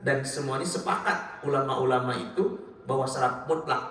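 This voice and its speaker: Lively male mosque preacher, echoing hall. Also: medium pitch, normal speed. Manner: lively storytelling, addresses listeners as Pak and Bapak Ibu. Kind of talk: mosque religious lecture. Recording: very echoey hall, mic far off.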